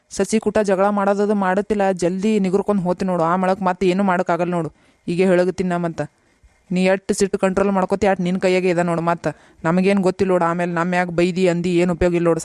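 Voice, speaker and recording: A man voices a village husband from a comic cartoon who lectures in a high, flat, hurried voice. He has a North Karnataka Kannada accent and a smooth tone. The recording is dry and close. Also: no room sound, natural voice. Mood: lecturing. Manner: lecturing, rapid-fire.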